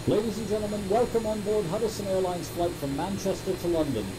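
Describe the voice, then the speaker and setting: Male AI captain voice, cabin PA announcement, formal announcer delivery, slightly raised pitch, noisy cabin hum. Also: fairly even intonation, fairly quick. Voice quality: smooth synthetic cloned voice. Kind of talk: scripted in-flight announcement.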